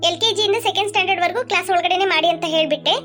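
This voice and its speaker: Woman voicing a fussy cartoon principal, orders staff around, bright voice, light music under it. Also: very high-pitched, very fast. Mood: instructing. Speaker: school principal. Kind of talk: cartoon voice acting. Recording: light children's music behind.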